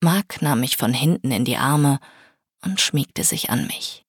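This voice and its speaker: A woman reads a first-person audiobook in a steady, even storytelling manner. Her voice has a husky, slightly breathy grain. It is recorded dry and close on a studio mic, with no room sound. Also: extremely low pitch, a little slow, no room sound. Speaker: audiobook narrator. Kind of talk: scripted first-person narration.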